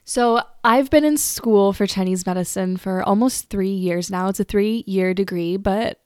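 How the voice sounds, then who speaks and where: A woman in her twenties talks through her podcast in an earnest, chatty way, often doubling words as she restarts a thought. Her pitch sits in a middle range for a woman. The sound is dry and close to the mic, with no room in it. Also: measured pace, a little mellow, clean tone, no echo. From United States. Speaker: podcast host. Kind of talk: casual solo podcast talk.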